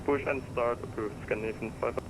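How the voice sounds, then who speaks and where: A man heard over online group voice chat, reading back pilot calls in short, clipped bursts. His delivery stays flat and level, and his calls cut off at the ends. The audio is thin and distant, with steady noise underneath. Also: medium pitch, fast. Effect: heard through online group voice chat. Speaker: pilot on the network. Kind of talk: terse radio calls.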